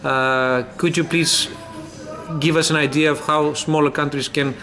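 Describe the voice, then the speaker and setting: A man from Greece interviewing a guest, framing long, deliberate questions. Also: fairly high pitch, fairly even intonation, bright, forceful tone.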